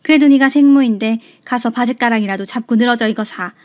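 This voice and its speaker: A woman voicing a scheming older mother who coaxes her daughter in a low voice. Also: quick pace, a little mellow, natural voice. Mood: coaxing.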